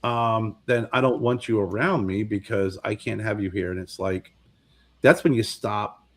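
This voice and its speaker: Man in his fifties, low voice, casual podcast chat, rambling, repeats words. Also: fairly even intonation, moderate pace. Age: 50s. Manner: rambling, repeats words while searching for them. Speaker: podcast co-host.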